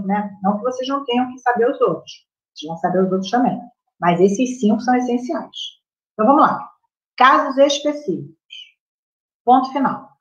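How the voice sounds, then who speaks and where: A woman with a Brazilian Portuguese accent leads a live lesson, chatting and checking in with her students. Her voice sits a little high. The sound is roomy and a bit dull. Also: a bit bright. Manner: chatty, checks in with the class by constantly asking "right?". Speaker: teacher. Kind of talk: live online grammar class. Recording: roomy, slightly muffled room sound.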